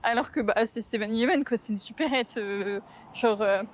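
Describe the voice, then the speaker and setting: A woman's voice: fairly high pitch, normal speed. A young woman vlogging casually to camera, rambling and self-mocking with slang and fillers, upset and hungry. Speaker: travel vlogger. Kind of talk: casual vlog chat to camera. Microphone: camera mic.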